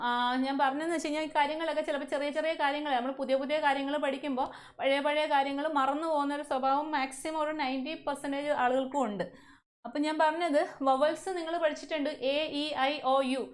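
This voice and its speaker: Female teacher, Malayali accent, high voice, quizzes her class and answers her own questions. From Kerala, India. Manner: asks the class many questions and answers them herself. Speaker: English teacher at a coaching centre. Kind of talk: classroom lesson.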